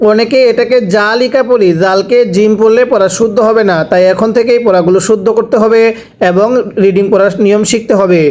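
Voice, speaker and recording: A male teacher leads a slow recitation lesson, naming each letter and its vowel mark before drilling the word again and again. His voice sits high and comes across smooth and clean. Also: darkish tone. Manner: spells letters and vowel marks, then repeats each word slowly for learners. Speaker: Quran reading teacher.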